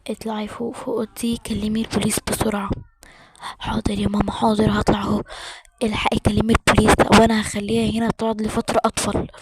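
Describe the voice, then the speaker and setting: A woman's voice: medium pitch, completely flat delivery, fast talker, noisy background, pitched below the performer's own voice, natural voice. A woman voicing a frightened mother who whispers urgently to protect her daughter, with an Egyptian accent. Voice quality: hushed, whispery.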